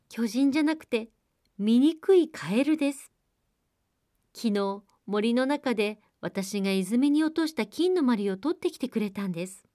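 A woman's voice: on the high side, warm tone, no room sound, clean studio sound. Storybook princess, young and spoiled, dismissive tone, read by a woman. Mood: flustered. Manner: haughty, dismissive, fretful. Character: spoiled young princess, haughty then flustered.

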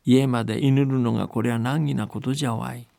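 Man voicing old rustic grandpa, grumbling, gravelly. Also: medium pitch, fairly even intonation, brisk, mellow, dry recording, lightly acted. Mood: uneasy. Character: old male charcoal burner, rustic.

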